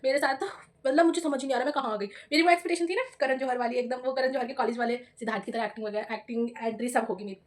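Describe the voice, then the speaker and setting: A young adult woman vlogger telling a personal story in a chatty, animated way, often calling her viewers "bhai". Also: a little high, racing. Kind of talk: casual storytelling vlog.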